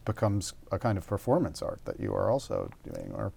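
Gravelly male interviewer. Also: fairly low pitch, huge pitch swings, a little fast, dark tone. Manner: thoughtful, probing questions.

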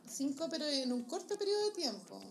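A woman with a Chilean accent co-hosting a gossip podcast, chatty and quick with joking asides. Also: sits high, big pitch swings, echoey room, a little hiss or hum. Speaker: podcast co-host. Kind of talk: casual gossip chat.

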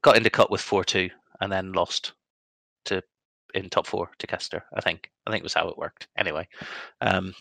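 Low-voiced man in dry casual chat. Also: fairly even intonation, normal speed, gravelly, sharp tone, dry recording. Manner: rambling, self-deprecating, many ums. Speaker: podcast host.

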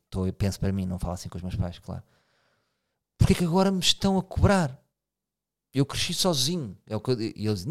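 Low and darkish in tone, the voice comes from a man in his thirties who hosts a podcast with a European Portuguese accent. He muses in an informal monologue, restarting frequently and speaking directly to those listening.

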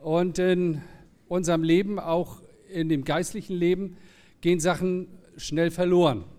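Man with a high voice, easygoing pastor, anecdotal sermon. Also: flat delivery, a little slow, a little mellow. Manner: casual, anecdotal, explains plainly with everyday examples. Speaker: preacher. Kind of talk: conversational sermon.

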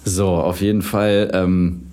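A man's voice: low voice, little pitch movement, slow, dark tone. A man co-hosting a casual podcast, joking around and slipping into silly voices. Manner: playful, silly voices and tangents. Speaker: podcast co-host.

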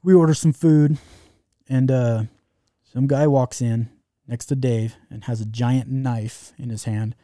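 A man's voice: mid-range voice, fairly even intonation, a little slow, warm tone, no room sound, clean studio sound. A man telling a travel story in casual chat, rambling with lots of fillers and restarts.

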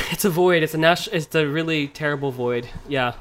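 Originally from the US and now living in Germany, this young podcast co-host chats casually in a slightly high, fairly bright voice at a moderate pace. He laughs a lot and frequently restarts what he's saying.

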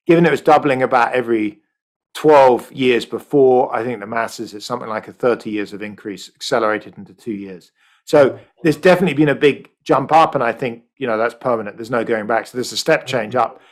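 On a video call, an economist guest fields interview questions. His pitch is lively and his answers brisk and explanatory.

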